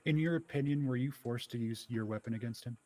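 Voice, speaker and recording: A man's voice: mid-range voice, quick pace, warm tone, lightly acted. A man playing a methodical trial lawyer who puts formal, probing questions in a courtroom role-play.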